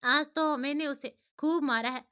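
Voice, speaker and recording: A woman's voice: sits high, fairly even intonation, unhurried. A woman voicing a hot-tempered, protective young man who gives orders and scolds in a storybook reading. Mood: angry. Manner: commanding, shouting in anger.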